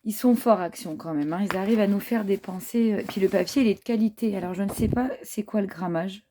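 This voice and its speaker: Woman, chatty haul vlogger, mellow warm tone, lots of fillers. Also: mid-range voice, fairly quick, a little hiss or hum. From France. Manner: chatty, many fillers, admiring comments. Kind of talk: casual show-and-tell chat.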